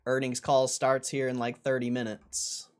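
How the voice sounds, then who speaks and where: A livestream host chats informally with viewers and reads out their comments, leaning on slangy, often repeated phrases. His mid-range voice is monotone but clear and resonant, at a normal speed.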